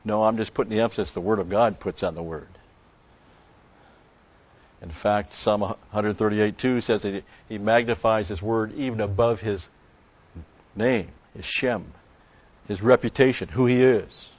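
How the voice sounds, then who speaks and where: A man preaching a sermon in a measured way, with emphatic stresses. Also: on the low side, fairly even intonation, muffled recording. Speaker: pastor.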